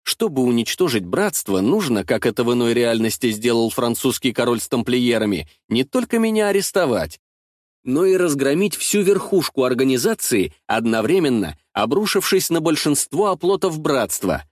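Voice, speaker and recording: A man's voice: mid-range voice, moderate pace, dry recording. A man narrating a historical adventure audiobook in the first person, telling it expressively on a close studio mic. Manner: expressive, lively storytelling.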